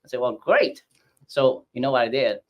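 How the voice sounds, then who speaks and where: A man's voice: mid-range voice, big pitch swings, moderate pace, muffled recording. A middle-aged man from Malaysia, a hospitality school dean, telling his career story in a chatty, self-deprecating way. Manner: chatty, self-deprecating, acts out quoted voices. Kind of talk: storytelling interview answer.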